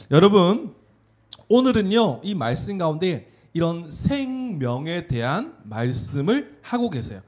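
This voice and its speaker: A man giving an animated children's sermon, telling a story and having the kids repeat words after him. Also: high voice. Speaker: children's pastor.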